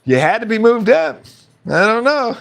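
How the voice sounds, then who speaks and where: Hosting a casual live stream, a man chats and reads viewer comments aloud, laughing often. His very high-pitched voice is slightly hoarse and fairly bright, very animated, and moves at a moderate pace.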